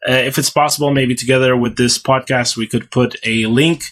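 A man from Ukraine speaks as a rabbi guest on a podcast. He talks earnestly and haltingly, pausing on fillers, in a voice of ordinary middle pitch. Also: steady tone, a bit bright. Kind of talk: podcast interview.

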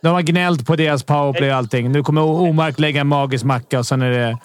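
A man's voice: a little high, crowd noise. Joking man co-hosting sports chat. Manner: joking, laid-back. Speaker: podcast co-host.

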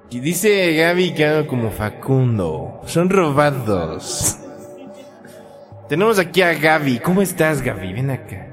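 A man hosts a joking homemade talk show. He is theatrical and pompous, his pitch swings widely, and he speaks slowly. Music plays behind him. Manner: theatrical, hamming up a pompous host voice. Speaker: host. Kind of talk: playful mock talk show.

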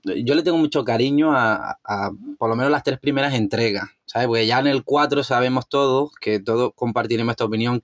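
A man's voice: mid-range voice, no echo. Hesitant man, dry sound. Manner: hesitant, searching for words. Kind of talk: casual podcast chat.

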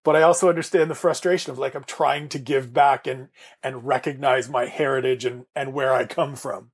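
A man's voice: medium pitch, fairly even intonation, brisk, husky. A man from Canada hosting a casual podcast chat, talking in a rambling way with restarts. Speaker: podcast host.

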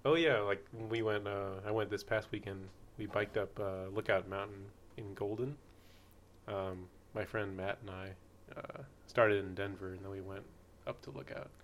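A man with a lowish voice chats on a podcast, easygoing and rambling. He often restarts his sentences. Faint noise sits in the background. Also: fairly even intonation, moderate pace. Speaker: podcast co-host. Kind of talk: casual chat.

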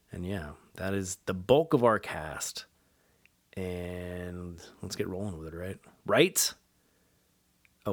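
A man's voice: on the low side, no room sound. A man hosting a casual watch-along podcast, rambling and self-mocking, stumbling over names as he reads. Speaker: podcast host.

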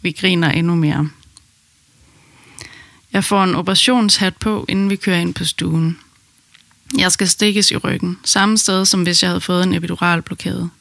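A woman calmly narrating her own birth story in the first person, in an intimate storytelling manner. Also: on the low side, gravelly, pauses often, no echo.

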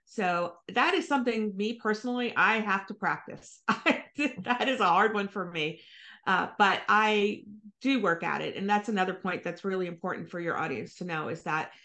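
A woman guest on a podcast interview, explaining her points in a thoughtful, measured way. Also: mid-range voice, pushed and bright. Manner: thoughtful, explanatory, occasional fillers. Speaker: marketing executive guest. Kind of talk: conversational interview.

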